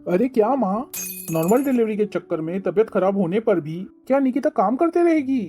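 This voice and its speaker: A woman's voice: medium pitch, animated, brisk, dark tone, soft background music, lightly acted. A woman voicing an earnest young son. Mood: pleading. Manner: pleading, reproachful. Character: earnest young man, elder son defending his wife. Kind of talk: cartoon family drama voice acting.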